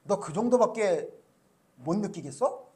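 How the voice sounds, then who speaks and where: A stern, demanding God, voiced by a high-pitched male preacher fires blunt rhetorical questions at a weary prophet. The tone chides rather than comforts, in a sermon retelling. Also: lively intonation, unhurried, darkish tone. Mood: chiding.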